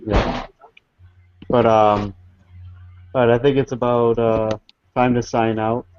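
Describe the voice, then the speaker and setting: A man with a middling voice chats in a relaxed way, pausing on fillers as he works through his thoughts. The recording sounds dull and lo-fi. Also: medium pitch, a little hiss or hum. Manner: laid-back, hesitant, lots of fillers. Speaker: podcast co-host. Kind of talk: casual podcast banter. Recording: dull lo-fi podcast audio.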